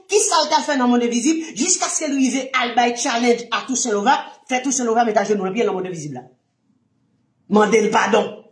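Emphatic Haitian preacher in an echoey room. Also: male voice. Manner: emphatic, full of rhetorical questions, shifts from low murmurs to shouts. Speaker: minister and Bible teacher. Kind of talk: impassioned sermon teaching.

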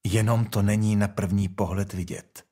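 A calm young investigator questions a king with quiet persistence, voiced by a male audiobook reader. His delivery is measured and unhurried, with a slightly husky tone. He never raises his voice. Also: fairly low pitch, close to an everyday voice.

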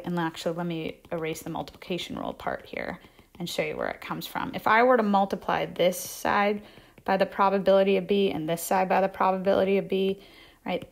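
A woman math instructor giving a conversational recorded lecture over slides, repeating key points and checking in with "right?" often. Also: mid-range voice.

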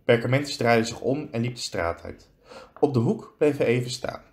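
A man, a teacher, reading a children's story aloud, slowing down for effect. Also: mid-range voice.

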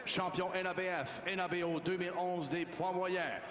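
A man's voice: sits high, steady tone, a crowd in the background. A middle-aged man working as a boxing ring announcer, formal and ceremonious, drawing out names on a handheld microphone. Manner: ceremonious, drawn-out delivery of names. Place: boxing ring in a large indoor arena. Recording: echoey arena PA, background noise.

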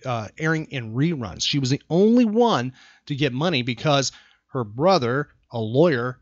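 With a medium-pitched voice and no room sound, an American trivia quizmaster hosts a laid-back podcast chat, firing off questions and explaining facts in short bursts. The audio is slightly dull and lo-fi.

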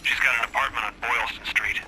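An army sergeant's audio log, steady and grave. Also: male voice, mid-range voice, fast. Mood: grim. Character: army staff sergeant recording a personal log. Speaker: game character. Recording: loud hiss, distant game audio.

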